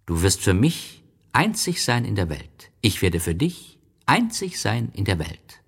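A man voicing a wise, gentle fox in an audiobook reading, explaining things patiently and with a wistful tone. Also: on the low side, wildly swooping pitch, a little slow, creaky, breathy edge, pitched above the performer's own voice, heavily acted.

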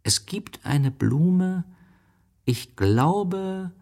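Man doing a small boy prince, high eager voice, lively questioning, a bit husky, storybook. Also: extremely slow, full character voice. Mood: earnest, curious. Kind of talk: audiobook reading.

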